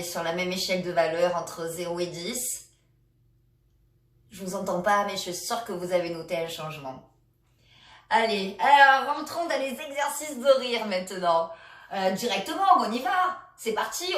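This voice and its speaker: A woman leading a laughter yoga session, coaching gently with many hesitations. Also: medium pitch, normal speed. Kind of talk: guided exercise session. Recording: echoey room, a bit far from the mic.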